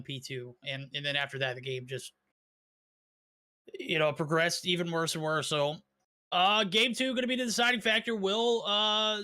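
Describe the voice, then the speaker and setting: A man co-casting an online esports match in a bright, forceful voice that sits a little high. He keeps things upbeat, jokes around and hypes up the players. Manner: upbeat, hype-driven and joking. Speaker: esports caster. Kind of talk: play-by-play commentary.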